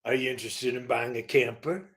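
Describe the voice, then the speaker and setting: A male improv comedian playing a smooth operator, with slick, salesman-like patter at an everyday pitch. He pushes deals and folksy advice in a scene made up on the spot. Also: fairly even intonation, fairly quick, a bit bright.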